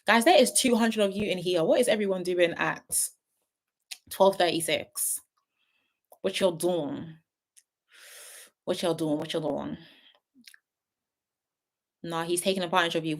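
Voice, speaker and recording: A woman's voice: fairly low pitch, animated, moderate pace, pauses often. Woman, late twenties, livestream host, casual and frank with viewers. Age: 20s. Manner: chatty, gives frank big-sister advice to viewers. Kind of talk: casual livestream chat reading viewer comments.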